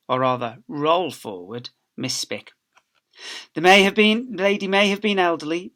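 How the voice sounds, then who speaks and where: Reading a children's story aloud, a man who teaches uses a fairly high, creaky voice with a fairly bright tone. His telling is expressive and theatrical in its emphasis, with the ends of phrases dropping off.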